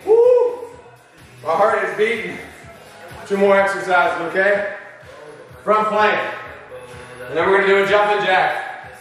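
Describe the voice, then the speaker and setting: Male fitness coach, high bright voice, unhurried counts and rallying pep-talk commands, exercising as he speaks, distant in an echoey room. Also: steady tone, faint music behind. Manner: rallying pep-talk cheerleading, short urging commands with whoops; exerting himself while talking. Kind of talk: live workout instruction with counting. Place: basement home gym. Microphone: camera several metres away. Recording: very echoey room, far from mic.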